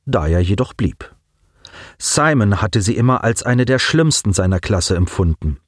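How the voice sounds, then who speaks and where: A man narrating an audiobook in a lively, expressive reading style. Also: on the low side, unhurried, no echo, clean studio sound.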